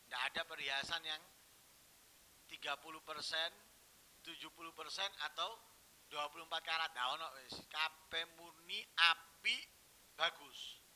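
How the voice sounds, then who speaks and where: A man preaching a sermon, telling stories and swinging from hushed, quiet phrases to loud, emphatic ones. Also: fairly high pitch, fairly even intonation, measured pace, long pauses, slight background noise, rough recording.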